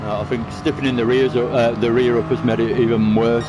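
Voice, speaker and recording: A sim racing streamer chats casually on a live stream while playing a racing game, laughing often and teasing friends. His mid-range voice is flat and fairly quick. Music and other noise fill the background.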